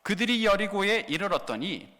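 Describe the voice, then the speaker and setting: A man, a pastor, preaching a sermon in a dramatic way with rhetorical questions, swinging from loud to hushed. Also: high voice, very animated, normal speed. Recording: long reverb of a large hall.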